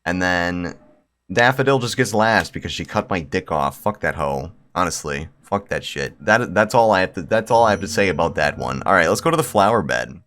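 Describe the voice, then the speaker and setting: A low-voiced man, animated and fairly bright in tone, talks at a normal speed while hosting a gaming video. Music plays underneath as he comments casually, reads visual novel text out loud, and cracks crude, sweary, blunt jokes.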